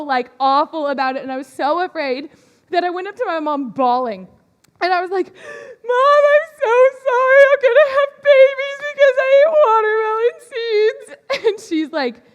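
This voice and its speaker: A young woman giving a youth ministry talk, telling a personal story in a chatty, animated way. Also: high voice. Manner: chatty, animated, laughs often. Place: church hall. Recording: reverberant hall.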